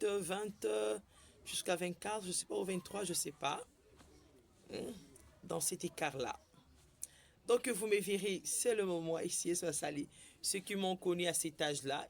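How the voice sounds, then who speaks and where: A woman's voice: lowish voice, slight background noise. Woman preacher, informal and exclamatory, peppers her talk with amens. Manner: exclamatory, frequent amens, shifts between French and Lingala.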